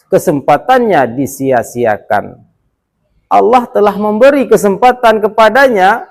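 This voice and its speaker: A man, a religious teacher, delivering a storytelling sermon with dramatic, emphatic rises and drops. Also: fairly high pitch. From Aceh.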